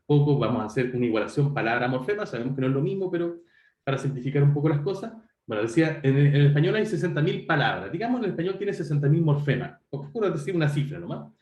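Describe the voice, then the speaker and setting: The man's fairly high voice is sing-song and fast, with a darkish tone in a reverberant space. During his online university lecture he talks conversationally to students, speaking to them directly and fixing his own errors.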